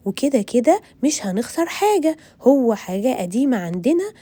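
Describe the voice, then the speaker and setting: A woman with an Egyptian accent voicing a gentle, encouraging grandmother. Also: high-pitched, sing-song, a little fast, slightly rough, full character voice. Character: kind old grandmother.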